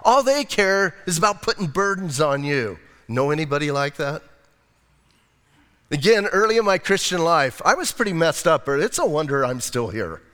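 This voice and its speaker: Older preacher in a reverberant hall. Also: male voice, a little high, sing-song, normal speed, fairly bright tone, clear, resonant tone. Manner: conversational, emphatic preaching with frequent asides. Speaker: pastor. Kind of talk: sermon. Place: church sanctuary. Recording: long church reverb.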